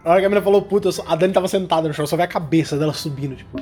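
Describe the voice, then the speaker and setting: A young adult, telling a school story in a casual, slangy, animated way. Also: medium pitch, rapid-fire, faint music behind. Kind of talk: casual chat.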